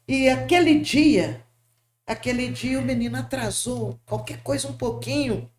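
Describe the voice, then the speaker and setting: Older woman, gentle storyteller. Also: fairly high pitch. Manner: gentle, reflective, often checks in with "sabe?" and "né?". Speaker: podcast guest. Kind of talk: reminiscing storytelling.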